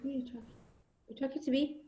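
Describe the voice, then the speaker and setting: A woman's voice: high-pitched, steady tone, rapid-fire, dark tone. A congested woman with a nasal voice, co-hosting an online meeting over a video call. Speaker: co-host. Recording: echoey room on a video call.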